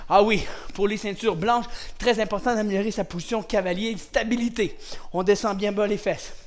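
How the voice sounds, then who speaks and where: A man with a Quebec French accent teaching an online karate class for children, shouting counts and commands with lots of energy. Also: high-pitched, steady tone, normal speed. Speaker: karate instructor.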